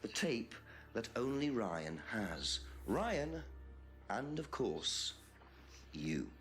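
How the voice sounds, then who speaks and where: An actor playing a calm police detective who questions suspects in measured, pointed sentences, in a live-action video game. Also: male voice, mid-range voice, full character voice. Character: probing calm male police detective, middle-aged.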